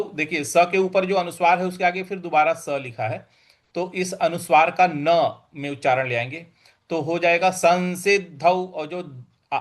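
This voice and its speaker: A man with a high voice teaches verse recitation in an unhurried way. He repeats each word slowly and patiently, then explains how it is pronounced, and sometimes chants whole lines in a sing-song. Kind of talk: slow, syllable-by-syllable recitation lesson.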